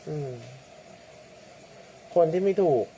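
A man hosting a lottery livestream, chatting casually, reading out viewer comments and using soft feminine polite particles. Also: takes it slowly, slight background noise. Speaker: lottery-number livestream host.

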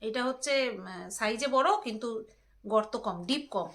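High, bright-voiced woman vlogging. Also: moderate pace, creaky. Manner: teasing, bickering with her husband. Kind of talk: casual home vlog, unboxing.

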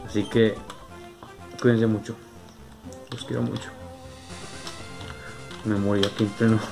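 A young man with a Mexican accent giving slangy, casual gameplay commentary. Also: lowish voice. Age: young adult. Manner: slangy, informal. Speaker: gaming YouTuber. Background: game music.

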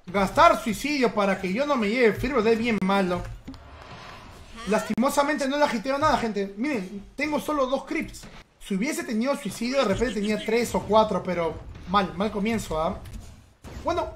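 A man's voice: high voice, fairly bright tone, slight background noise. A man giving casual, teasing live-stream commentary while he plays and chats with his viewers. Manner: playful, teasing, chatty with viewers. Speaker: game streamer.

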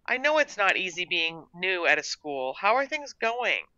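A gentle but firm schoolteacher, played by a woman in a storybook reading. Her reassuring voice is lively and bright. The recording sounds dull and dry. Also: on the low side, normal speed, no echo.

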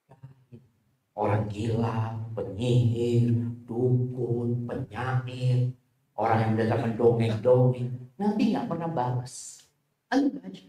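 A man preaching a sermon and answering questions, leaping into a high voice for emphasis. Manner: animated, jumps to high pitch for emphasis. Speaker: Islamic preacher. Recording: echoey hall.

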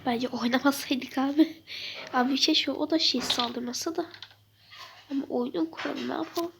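A woman's voice: sits high, normal speed, gravelly, very noisy. A woman with a stuffy nose, rambling, swearing and muttering nervously as she comments on her gameplay. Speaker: gamer. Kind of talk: let's-play commentary.

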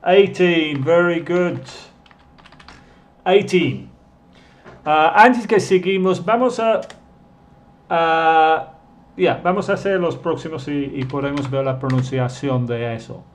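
A man's voice: on the high side, slow pace, pauses often. A man teaching an English lesson live online, reading chat questions and stretching out number words to show their pronunciation.

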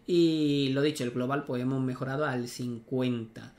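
A man's voice: mid-range voice, steady tone, moderate pace, darkish tone. A young man, chatting casually as he plays a tennis video game, thinking aloud and swearing at misses. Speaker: gaming streamer. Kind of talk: casual gameplay commentary.

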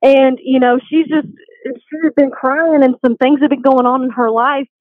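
A woman's voice: high voice, fairly even intonation, normal speed, no echo. A woman telling her faith story in a casual, chatty way, full of "like", as a guest on a call. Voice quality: chatty, heavy use of "like". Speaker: guest, boutique shop worker. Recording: tinny phone line, dry.

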